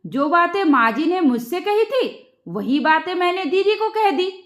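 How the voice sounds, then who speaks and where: In a storybook telling, a woman narrator voices a crafty young daughter-in-law, speaking in a sugary, falsely innocent tone with a quiet sting and a teasing mood. The full character voice sits very high, swings widely in pitch, and moves at normal speed. The recording has a roomy echo.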